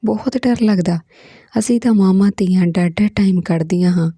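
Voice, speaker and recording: A woman's voice: mid-range voice, moderate pace, warm tone, slightly rough, no echo, clean studio sound, lightly acted. A woman reading the lines of a poor widowed mother who speaks meekly and pleads politely. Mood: humble pleading. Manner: meek, pleading, folded-hands politeness.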